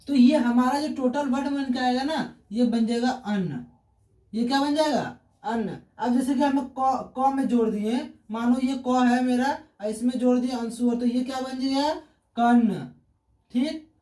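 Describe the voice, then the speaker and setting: A man's voice: very high voice, warm tone. A male teacher, giving an online grammar lesson. He asks questions and answers them himself, repeating key terms. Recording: roomy echo, distant from the mic.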